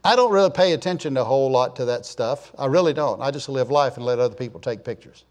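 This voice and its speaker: A man's voice: mid-range voice, fast talker. A man in his sixties preaching in a church in a rambling, folksy way, joking and telling stories to the congregation. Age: 60s. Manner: joking storyteller, chatty asides to the congregation. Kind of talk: folksy, rambling sermon talk.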